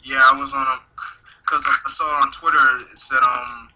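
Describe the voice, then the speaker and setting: Man, podcast co-host, hesitant, very bright tone, husky. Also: mid-range voice, flat delivery, moderate pace, low-quality recording. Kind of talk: casual podcast chat.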